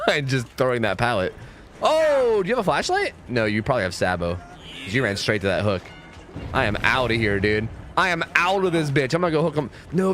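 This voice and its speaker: A young man narrates his own gameplay live, casual and profane. His pitch leaps high when things go wrong and drops low when he settles. A faint noise hums under the voice. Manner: animated, swears freely, jumps to high-pitched panic. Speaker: streamer.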